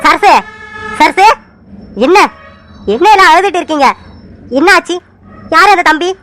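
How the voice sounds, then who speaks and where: A woman's voice: very high-pitched, unhurried, fairly bright tone, slight background noise, rough recording. A woman voicing an insistent, agitated middle-aged village man in a cartoon who refuses to believe bad news.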